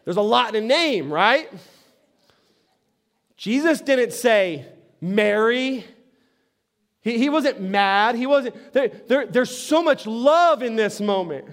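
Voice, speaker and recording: A man with a notably high voice preaching a sermon. He speaks conversationally and often repeats a word as he gets a sentence going. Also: expressive, slow. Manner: conversational, repeats words when starting sentences. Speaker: pastor.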